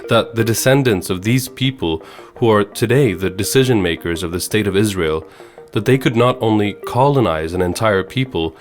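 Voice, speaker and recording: A man from Sweden hosting a podcast, giving measured, earnest scripted narration. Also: fairly low pitch, animated, faint music behind. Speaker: podcast host.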